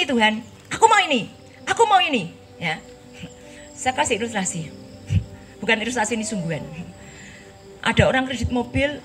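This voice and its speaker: Lively woman preaching with high voice. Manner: lively storytelling with acted quotes. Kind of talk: sermon with testimony.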